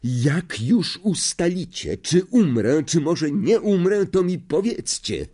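A man's voice: on the high side, sing-song, slow, warm tone, husky, voice pushed up, heavily acted. A man voicing an upset teenage schoolboy in an audiobook, bursting out with agitation. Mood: agitated. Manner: outburst, agitated.

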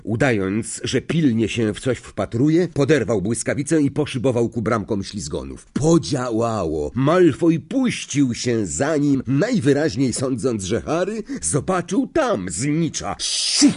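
Husky, animated male storyteller. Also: mid-range voice, a little slow, few pauses. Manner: lively, expressive storytelling. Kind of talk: audiobook narration.

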